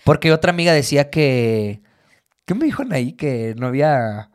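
A man's voice: medium pitch, moderate pace, clear, resonant tone. A young man with a Mexican Spanish accent, chatting casually as a co-host, telling stories with lots of swearing and animation. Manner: animated storyteller, swears freely. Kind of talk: casual chat.

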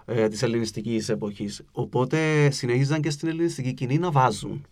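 A man's voice: mid-range voice, darkish tone. A man with a Cypriot Greek accent, giving patient, explanatory interview answers as a linguist guest, with frequent hesitation sounds. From Cyprus. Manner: patient, explains with spoken examples, many filler "e" sounds.

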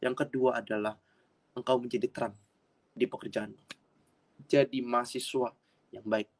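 A man preaching a personal testimony sermon in an earnest way, with sudden loud bursts of emphasis and frequent repetition. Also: mid-range voice, steady tone, moderate pace. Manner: addresses audience as friends, repeats himself.

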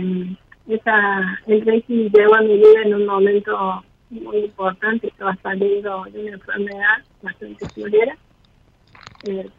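A woman calls in through a wireless headset that turns her voice thin, tinny and distorted. She talks slowly and hesitantly, with a gravelly edge. The sound is dry and close. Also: medium pitch, dry recording. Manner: hesitant, soft-spoken, with many fillers. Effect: distorted wireless headset on a phone call. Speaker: caller. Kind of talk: call-in conversation. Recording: distorted phone-line headset audio.

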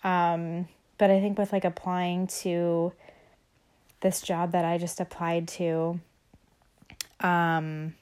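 A young woman with a slightly low voice hosts a casual solo podcast. She sounds stuffed up and a little short of breath, breathing through her mouth. Her delivery rambles along as she thinks out loud. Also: flat delivery, slow, pauses often, clean tone. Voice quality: congested, stuffy nose. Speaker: podcast host.

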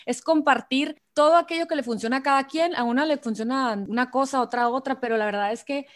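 A woman's voice: sits high, quick pace. A woman from Mexico with a Mexican accent hosting a casual conversation, chatty and enthusiastic. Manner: chatty, enthusiastic, frequent fillers. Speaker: host.

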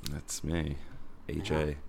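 A man's voice: extremely low pitch, flat delivery, slow pace, vocal fry, background noise. A man co-hosting a podcast who laughs often, swears casually and teases the others. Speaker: podcast co-host.

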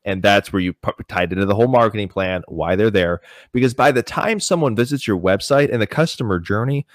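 A man's voice: lowish voice, quick pace, no room sound, studio quality. A man hosting an interview, agreeing with his guest and building on his points. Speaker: host. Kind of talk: conversational interview.

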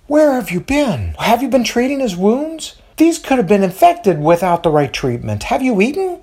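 Brief: high, shrill, fussing mom, bossy, lively and animated. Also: female voice, moderate pace. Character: fussy, shrill mother fretting over guests.

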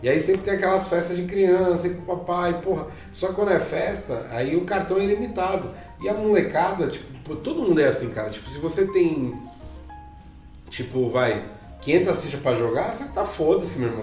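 A man tells stories in a loose, slangy, laughing way, his voice sitting a bit high for a man. He is recorded in a roomy space some distance from the mic, with faint music underneath. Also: fairly quick. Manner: slangy, laughing, animated storytelling. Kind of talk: casual chat.

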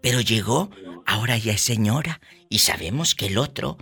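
A man's voice: medium pitch, expressive, normal speed, bright, forceful tone, slightly rough. A man with a Mexican accent hosting a comedy podcast, flamboyant, teasing and gossipy. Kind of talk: comedic radio-style hosting.

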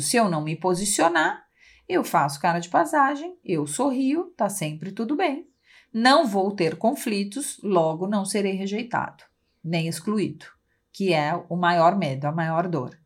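A woman's voice: medium pitch, lively intonation, moderate pace. Woman, Brazilian Portuguese accent, podcast co-host, casual explanatory chat, frequent "né?". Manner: explains with many "né?" tags and acted examples.

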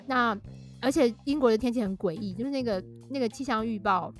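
A woman's voice: fairly high pitch, brisk, soft background music. A woman guest and author, explaining things in a casual podcast conversation and laughing often.

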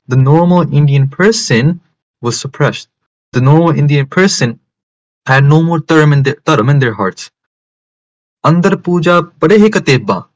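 Man, medium pitch, religious teacher, lecture style, emphatic repetition, mixes into English. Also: rough recording. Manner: repeats and rephrases phrases for emphasis; switches between English and Punjabi. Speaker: religious teacher giving a talk.

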